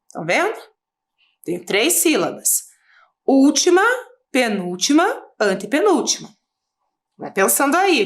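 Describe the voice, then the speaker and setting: A woman teacher with a Brazilian Portuguese accent, patiently explaining a video lesson for children step by step. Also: mid-range voice.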